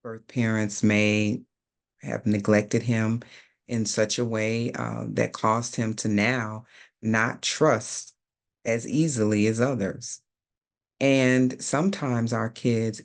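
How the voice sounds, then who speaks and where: A man's voice: mid-range voice, vocal fry. A man presenting a webinar, explaining thoughtfully with hesitant ums and uhs. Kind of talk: unscripted teaching talk.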